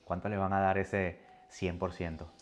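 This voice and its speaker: A man preaching a sermon with a personal testimony, animated and moving between soft and loud. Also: low voice, normal speed, over music.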